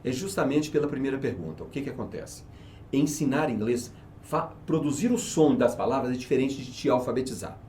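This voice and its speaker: A man's voice: mid-range voice, animated, brisk, a little mellow, slight background noise. A man, a company manager, explaining his teaching method in an interview, persuasive and emphatic, often answering his own rhetorical questions. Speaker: research and market manager, interview guest.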